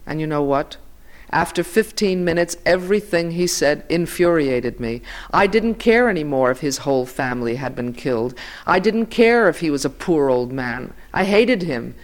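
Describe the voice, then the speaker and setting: A man's voice: fairly high pitch, lively intonation, moderate pace, close to an everyday voice. A man voicing an elderly male journalist who tells his story with rising heat. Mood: impassioned.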